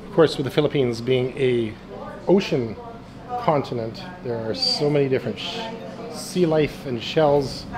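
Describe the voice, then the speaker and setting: A woman's voice: extremely low pitch, lively intonation, measured pace, a crowd in the background, poor audio. A woman vlogging her travels in a playful, jokey way, laughing often between remarks. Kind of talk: casual travel vlog chat.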